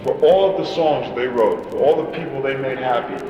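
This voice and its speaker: A man's voice: medium pitch, fairly quick, lo-fi sound. A man in a band, ranting emphatically in an interview. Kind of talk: animated interview talk. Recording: echoey room from far off with noise.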